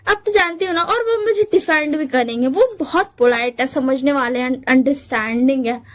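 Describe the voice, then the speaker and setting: A cheeky young man with a whiny, exasperated rant, as a high-voiced woman puts him on. The voice stays bright and high, and he complains with great animation. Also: normal speed, close to an everyday voice.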